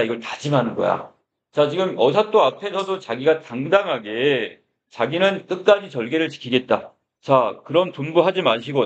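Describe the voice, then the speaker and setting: A man's voice: on the high side, highs cut off. A male middle school Korean teacher giving a literature lecture, opening his points with "자," and asking his students questions. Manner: explains with many "자," prompts and questions to students.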